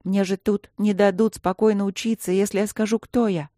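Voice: mid-range voice, little pitch movement, moderate pace, warm tone, no echo, clean studio sound, pitched above the performer's own voice, natural voice. A reader voicing a young woman student, a curious and stubborn princess, in a storybook reading. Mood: persistent. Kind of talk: audiobook character voice.

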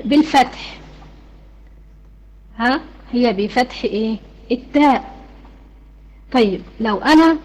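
A woman's voice: fairly high pitch, darkish tone, muffled recording. Egyptian woman teaching Quran recitation. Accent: Egyptian Arabic. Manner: asks the class questions and answers them herself. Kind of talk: online Quran recitation lesson.

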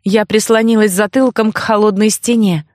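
A woman narrating a first-person audiobook in an even, measured storytelling manner on a close mic. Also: mid-range voice, no room sound.

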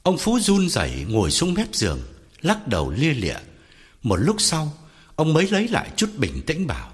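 A man narrating a ghost story in a dramatic, measured way. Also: on the high side, huge pitch swings, breathy edge. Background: music.

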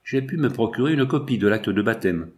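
A man's voice: mid-range voice, expressive, brisk, darkish tone, lightly acted. A man voicing a sly, insistent male business agent in an audiobook, with an eager, self-assured manner. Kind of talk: audiobook character voice.

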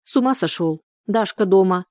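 A woman voicing a nervous, sharp-tongued young woman who snaps reproachfully. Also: mid-range voice, moderate pace, dry recording, clean studio sound, lightly acted. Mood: annoyed. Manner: reproachful, snappy.

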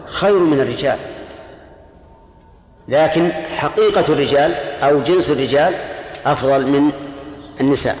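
A man teaching a classroom lecture on jurisprudence, explaining patiently and quizzing his students. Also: on the high side. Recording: echoey hall recording.

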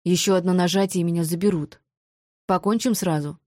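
A woman's voice: on the low side, steady tone, brisk, a little mellow, no echo, clean studio sound, close to an everyday voice. A woman voicing a mocking, muscular young man hired as a husband, speaking in curt, sneering lines.

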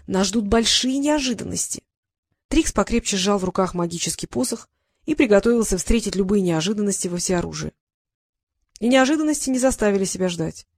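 A narrator reading a fantasy storybook aloud in an even, steady manner. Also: mid-range voice, no room sound, studio quality. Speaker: audiobook narrator.

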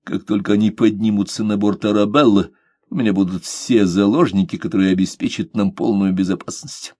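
A man's voice: lowish voice, brisk, no echo, clean studio sound, lightly acted. A man voicing a composed, courteous pirate captain who speaks with cool irony. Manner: calm, courteous, mocking. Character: calm, ironic pirate captain, male adult.

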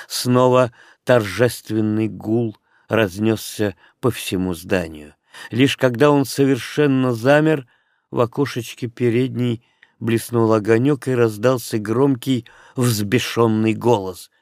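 A man reading an audiobook in a slow, measured way. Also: fairly low pitch, darkish tone, no echo, studio quality. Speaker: narrator. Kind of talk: audiobook narration.

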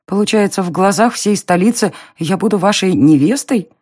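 A narrator playing a quick-tempered young woman in an audiobook reading, with a sharp and indignant delivery. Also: mid-range voice, animated, breathy edge, no echo, clean studio sound.

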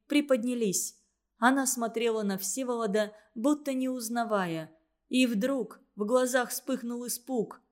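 Woman reading a children's story aloud. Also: a little high. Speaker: narrator.

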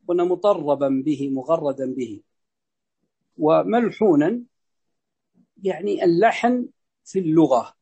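High-voiced husky male religious teacher. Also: warm tone. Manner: measured, demonstrates pronunciations aloud. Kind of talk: explaining a legal text in a lesson.

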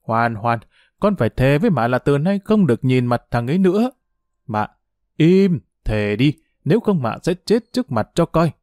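A frantic, furious middle-aged mother shrieks and threatens, as a male narrator puts her on. The pitch climbs high and swings wildly with each outburst. The voice sits close and dry with no room around it. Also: very animated, a little slow, warm tone, no echo. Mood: threatening. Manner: screaming, threatening.

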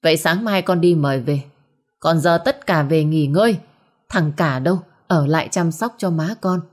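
A woman's voice: low-pitched, moderate pace, darkish tone. A woman voicing a stern, commanding old patriarch in a storybook. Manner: commanding, firm.

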